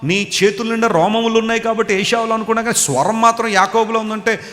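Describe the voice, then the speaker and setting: A man's voice: high-pitched, fairly even intonation, fast talker, fairly bright tone, voice pushed up. A man voicing an old, nearly blind father who reasons aloud, puzzled and suspicious, in a reverberant hall.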